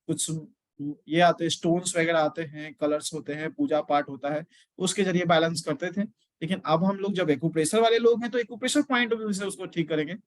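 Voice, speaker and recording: Man, acupressure teacher, high voice, dry close sound, step-by-step lecture, checks in often. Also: fairly quick, dry recording. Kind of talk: Hindi-English lecture class.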